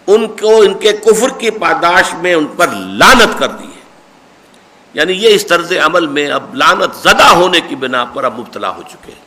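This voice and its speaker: Emphatic, bright-voiced male scripture teacher. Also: a little high. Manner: emphatic, recites verses then explains them. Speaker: Quran teacher. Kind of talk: scripture commentary lecture.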